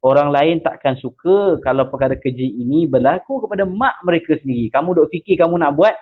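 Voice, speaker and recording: A man with a Malaysian accent voicing a calm male teacher who questions a youth patiently and gently. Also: on the high side, brisk, breathy edge. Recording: tinny phone-like audio.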